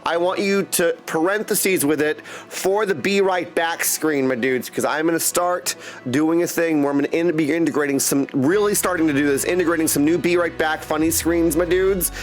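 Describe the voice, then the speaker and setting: A man with a slightly high voice talks at normal speed over soft background music, chatting casually with his livestream viewers as a game streamer. He's goofy, theatrical and playful, invents silly words, and keeps calling his audience "my dudes" and "my friends." He sits at a desk in an indoor streaming setup, using a streamer microphone and headset.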